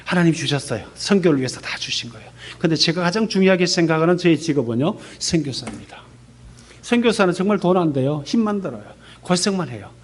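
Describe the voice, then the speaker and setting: A man in his fifties, a missionary pastor, gives an animated testimony sermon in a church service and puts questions to the congregation. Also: fairly high pitch, fast. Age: 50s.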